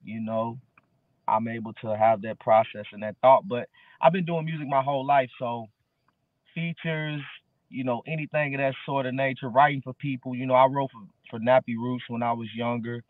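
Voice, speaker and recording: A man's voice: mid-range voice, steady tone, normal speed, dry recording. Brief: laid-back man in his early thirties, slangy musician guest, dry tinny video-call sound. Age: early 30s. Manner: laid-back street slang, fillers like bro. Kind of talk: casual interview chat. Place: dark room at home.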